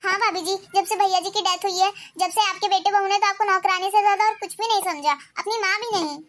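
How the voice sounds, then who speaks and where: Woman doing a caring neighbor lady in a cartoon, high bright voice, consoling. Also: steady tone, fast talker. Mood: sympathetic. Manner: concerned and consoling. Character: sympathetic middle-aged neighbor woman. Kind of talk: cartoon voice acting.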